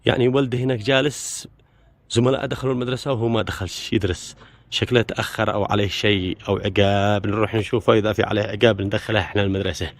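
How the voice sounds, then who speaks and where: A man's voice: on the low side, flat delivery, fast. A man with a Yemeni accent hosting an on-location vlog as a casual interviewer, coaxing and encouraging, often repeating himself. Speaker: video host interviewing people outdoors. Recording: music behind the voice.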